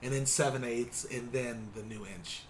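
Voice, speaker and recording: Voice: mid-range voice, moderate pace, over a noisy crowd, poor audio. A vlog host chatting casually to the camera, giggly, with hesitant, rambling explanations. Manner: giggly, laughs while talking.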